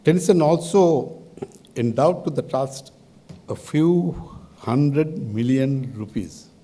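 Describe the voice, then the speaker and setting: An older man with a Sri Lankan accent delivers a formal podium speech as a chairman, in measured, halting phrases with deliberate pauses. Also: mid-range voice, warm tone. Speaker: advisory committee chairman giving a welcome address.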